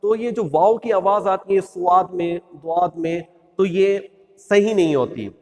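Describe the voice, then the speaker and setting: A man with a high voice teaches the letters of Quran recitation, slowly and patiently. He stretches each letter into a long sung sound. The recording has a long hall reverb behind him. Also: dull audio. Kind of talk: religious lesson on pronunciation.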